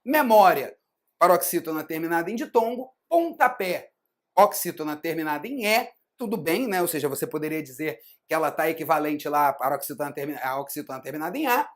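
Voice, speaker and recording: A woman's voice: on the low side, a little fast. A Brazilian Portuguese-speaking woman teaching a recorded grammar lesson for an exam, explaining step by step and checking in with frequent tag questions.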